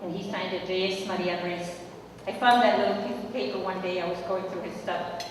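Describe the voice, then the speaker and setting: A woman's voice: fairly low pitch, fairly even intonation, a little fast. An older woman giving an earnest, heartfelt speech at a memorial dinner, repeating phrases for emphasis, recorded from far off in a large hall. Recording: echoey hall from far off, with noise.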